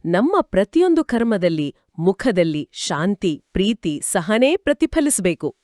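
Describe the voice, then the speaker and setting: A woman co-hosts a scripted spiritual discussion with a calm, explanatory delivery. Her pitch moves lively through each phrase, and the recording is dry and close. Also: unhurried, dry recording. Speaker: podcast co-host.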